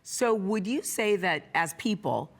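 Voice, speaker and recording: A woman's voice: mid-range voice, animated, measured pace. A woman hosting an interview, musing aloud and searching for words as she asks questions. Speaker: host. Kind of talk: conversational interview.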